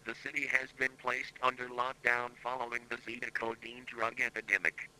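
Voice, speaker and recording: A man reading a scripted emergency announcement over an air raid loudspeaker, stern and commanding. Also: medium pitch, level tone, a little fast, a little hiss or hum, rough recording.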